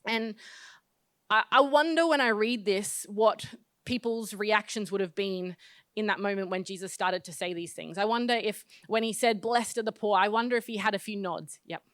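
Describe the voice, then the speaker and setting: A woman's voice: medium pitch, normal speed, a bit bright, dry recording. A woman pastor giving a sermon in a conversational, self-deprecating way, often restarting her phrases.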